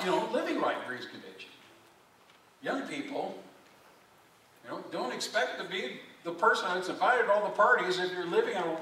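A male pastor preaching a sermon, animated, with rhetorical questions and repeated phrases, recorded from a distance in a church. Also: sits high. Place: church sanctuary. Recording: echoey church from a distance, faint room noise.

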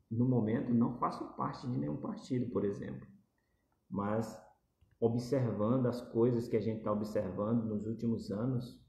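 A middle-aged political commentator with a Brazilian Portuguese accent speaks earnestly and repetitively to a phone camera held at arm's length, gesturing as he gives his opinions. He's in a small indoor room. His voice is medium-pitched and mellow, with an echoey room and slight background noise.

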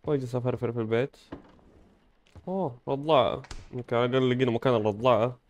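A man commenting on gameplay casually, playful and joking with bursts of loud exclamation. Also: mid-range voice, steady tone, fast talker, dull audio. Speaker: gaming channel host.

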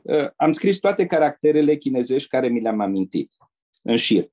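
Older man, warm husky storyteller. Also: mid-range voice, very animated. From Romania. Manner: measured storyteller who acts out quoted people. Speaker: guest, retired diplomat. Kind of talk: anecdotal interview storytelling.

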